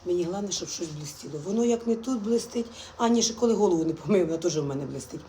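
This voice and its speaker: A woman's voice: lowish voice, lively intonation, racing, dark tone, a little hiss or hum, rough recording. A woman chatting affectionately to her viewers in a casual morning vlog while getting dressed at home. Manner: drops to a whisper at times. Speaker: vlogger.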